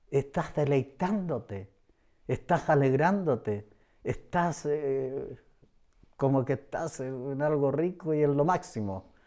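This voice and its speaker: A middle-aged Chilean man giving an earnest personal religious testimony, repeating phrases and pausing often with hesitant fillers. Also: fairly high pitch, dark tone. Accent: Chilean Spanish. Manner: earnest, repetitive, pauses often with "eh". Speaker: church member giving testimony.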